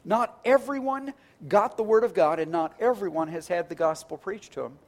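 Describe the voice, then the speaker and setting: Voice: mid-range voice, normal speed, darkish tone. A pastor preaching a sermon in a conversational, earnest way, often restarting words and stacking phrases into lists.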